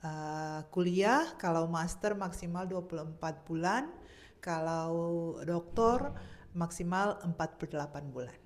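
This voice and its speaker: A woman's voice: on the low side, a little slow. A woman from Maluku in her thirties, a PhD student answering interview questions politely, with many hesitant fillers. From Maluku, Indonesia. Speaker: guest, PhD student and lecturer.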